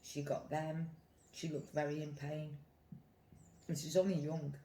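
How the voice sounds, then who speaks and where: A British mukbang vlogger chats casually to camera, rambling and repeating phrases to push his opinions. The medium-pitched voice is flat, a little slow, and dark, in an echoey room with slight background noise.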